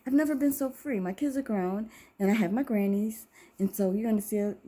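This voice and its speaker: A woman's voice: medium pitch, fairly quick, warm tone. A woman in her fifties who hosts her own channel and talks in a casual, rambling, faith-centered monologue to camera. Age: 50s. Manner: talkative, wandering, faith-centered, musing. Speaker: vlogger, channel host.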